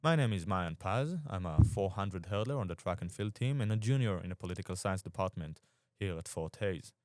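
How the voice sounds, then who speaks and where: A man's voice: deep voice, animated, a little fast, darkish tone, dry recording, clean studio sound. A young man in his twenties hosting a college sports podcast, reading a scripted intro and then asking questions conversationally. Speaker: podcast host.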